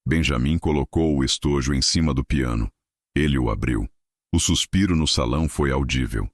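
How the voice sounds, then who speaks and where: A man narrating a scripted dramatic story in a measured way. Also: a bass voice, slightly rough, no echo, studio quality.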